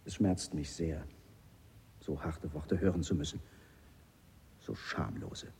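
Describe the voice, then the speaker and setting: An actor playing an overwrought, lovesick suitor with a cold, gushing and faltering in a very husky voice. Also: male voice, a bass voice, lively intonation, slow pace, a little mellow, big-room sound, a little hiss or hum, exaggerated voice. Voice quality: very husky, raspy. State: has a cold.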